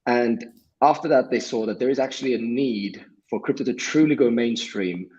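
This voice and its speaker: A man from Sweden, a guest on a livestream, explaining things in a measured way with frequent filler words. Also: mid-range voice, darkish tone, dull audio. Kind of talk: livestream interview.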